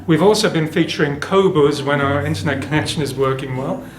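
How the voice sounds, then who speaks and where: At a fairly quick pace, an exhibitor with a somewhat high voice gives an informal, in-depth demo of hi-fi equipment. Music plays in the roomy indoor show room as he explains the technical side.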